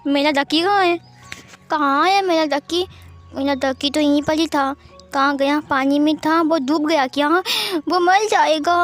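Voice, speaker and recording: A woman voicing a clingy little boy who whines and pleads in drawn-out words. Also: high voice. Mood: tearful. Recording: faint background music.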